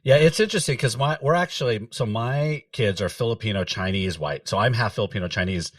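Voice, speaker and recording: Low-voiced middle-aged man hosting a podcast. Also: fairly quick, dry recording, recorded from a distance. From United States. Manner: relaxed, laughs often, loose trailing sentences. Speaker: podcast host. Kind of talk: casual conversation.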